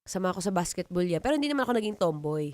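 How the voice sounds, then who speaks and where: A young woman with a Filipino accent hosts a live radio show in a deep, low-set voice. She banters playfully with her listeners. The studio sound is close and dry. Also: big pitch swings, very fast, a little mellow, dry recording. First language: Tagalog. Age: 20s. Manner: playful, teasing, laughs often. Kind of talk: live radio chat reading comments.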